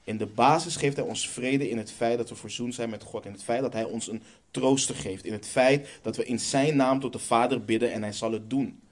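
A man preaching a sermon, earnest and measured, slowing down on key phrases and then reading scripture aloud. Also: medium pitch, steady tone.

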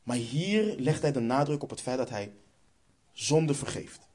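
A man's voice: medium pitch, lively intonation, measured pace, darkish tone. A man with a Dutch accent preaching a sermon, emphatic and stressing points by repeating phrases.

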